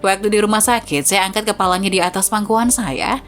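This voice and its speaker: A woman's voice: medium pitch, brisk, fairly bright tone, soft background music. A woman narrating a first-person moral story in an earnest, moralizing way.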